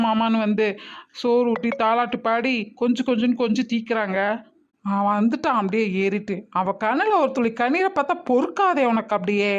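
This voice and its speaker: A woman's voice: fairly high pitch, lightly acted. A woman voicing a bossy, scolding adult woman in a cartoon family drama, emphatic and full of rhetorical questions. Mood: reasoning. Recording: slightly muffled recording.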